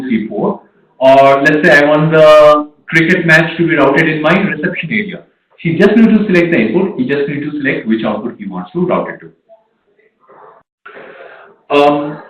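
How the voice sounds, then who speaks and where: A man's voice: on the high side, a bit bright. A man answering questions in a technical webinar. He explains step by step, often restarts his phrases and stops to give examples. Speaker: webinar presenter. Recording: echoey room.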